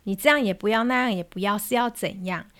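A woman's voice: on the high side, animated, normal speed, lightly acted. A woman voicing an impatient young mother scolding her small son in a retold story. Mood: exasperated.

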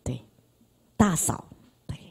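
A woman's voice: slow pace, in a whisper. A woman with a Taiwanese Mandarin accent giving an emotional personal testimony in church, repeating phrases and speaking to the audience. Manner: emotional, repetitive storytelling, addresses audience. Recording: reverberant church hall.

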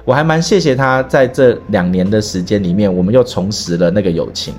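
A man hosting a podcast, telling a story in casual chat, animated and rambling, with many restarts. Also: on the low side, fairly quick, over music. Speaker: podcast host.

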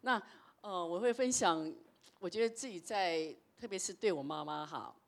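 A middle-aged woman pastor delivers a sermon. Her voice sits a little low for a woman. She moves through personal stories, rising to loud emphasis and then dropping to near-hushed tones. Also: moderate pace. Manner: storytelling preacher, lively shifts between loud and hushed.

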